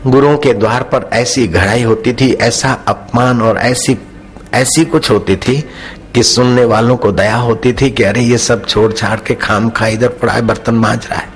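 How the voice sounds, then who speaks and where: A man preaching a devotional sermon, telling stories and acting out the people in them, stretching some phrases slowly for emphasis. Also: medium pitch. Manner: acts out quoted characters in his stories; drops into slow, drawn-out phrases for emphasis. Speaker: spiritual preacher.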